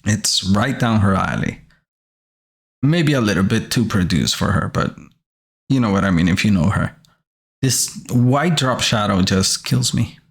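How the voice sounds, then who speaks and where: A man gives casual commentary as a host, in a creaky voice. He talks slowly and haltingly, with a very animated pitch. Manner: halting, searching for words.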